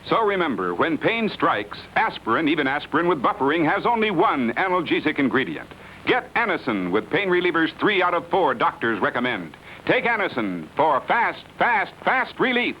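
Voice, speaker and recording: A man delivers a chipper 1950s ad in an emphatic, punchy selling voice. His fairly high pitch swings widely, on a muffled vintage broadcast with faint noise. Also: big pitch swings, normal speed. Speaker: commercial announcer.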